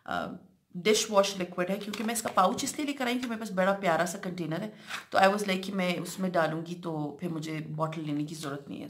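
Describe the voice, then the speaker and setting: A woman's voice: fairly low pitch, noisy background. A middle-aged woman, chatting casually through a grocery haul vlog and switching often between Hindi-Urdu and English with many fillers. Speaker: lifestyle vlogger.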